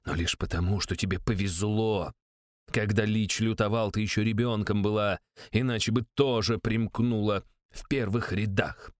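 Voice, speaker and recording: A man's voice: fairly low pitch, fairly even intonation, moderate pace, no echo, close to an everyday voice. A man voicing a contemptuous, bullying older male secret police official. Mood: menacing.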